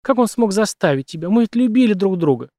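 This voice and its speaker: A man's voice: sits high, expressive, quick pace, warm tone, no room sound, clean studio sound, pitched above the performer's own voice. A man reading an audiobook, voicing a frightened young woman in a raised, strained, pleading voice.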